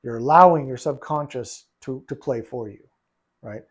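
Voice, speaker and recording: A billiards coach works one-on-one with a student at the pool table, speaking at normal speed in a medium-pitched voice. He's patient and repeats his phrases as he explains.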